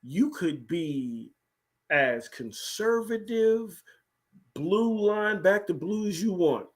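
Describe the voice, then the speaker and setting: Brief: male sports-talk co-host, fairly high voice, animated and emphatic. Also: slow pace. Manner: animated, emphatic, repeats "here's the thing". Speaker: podcast co-host. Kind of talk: casual sports chat.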